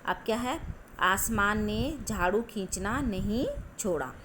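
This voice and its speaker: A woman schoolteacher patiently explains a story to young children, repeating herself, asking the class questions and saying "okay" constantly. She speaks slowly at medium pitch over a noisy background.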